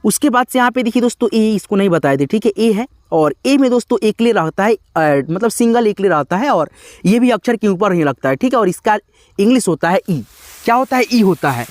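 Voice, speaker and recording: A man's voice: high voice, expressive, fairly quick, no room sound, clean studio sound. A man teaching a step-by-step lesson, spelling words out letter by letter and often checking in with his viewers. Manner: keeps saying "friends" and "okay" to check in with viewers. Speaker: online teacher.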